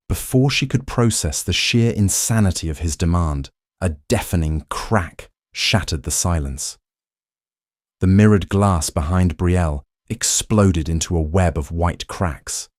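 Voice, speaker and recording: A man reading a scripted story aloud in a measured, dramatic way. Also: low voice, darkish tone, no room sound, clean studio sound. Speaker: narrator.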